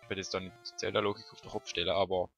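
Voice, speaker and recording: A man's voice: low voice, level tone, rapid-fire, lo-fi sound, faint music behind. A man with a Swiss German accent giving casual, chatty commentary over a video game he plays, often muttering to himself. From Switzerland. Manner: chatty, muttering to himself, bursts of frantic shouting. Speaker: let's play host.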